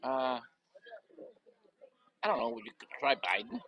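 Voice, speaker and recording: A man's voice: mid-range voice, big pitch swings, unhurried, a bit bright, dull audio. An older man chiming in with playful questions and jokes during a youth baseball broadcast outdoors. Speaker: color commentator. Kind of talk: casual baseball commentary. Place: field at youth baseball game.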